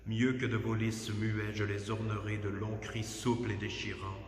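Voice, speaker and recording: Inside a church at night, a man reads poetry aloud in a solemn, declamatory style, his voice fairly low. The church acoustics give heavy echo and a long, lingering reverb, while his delivery stays measured with fairly steady intonation.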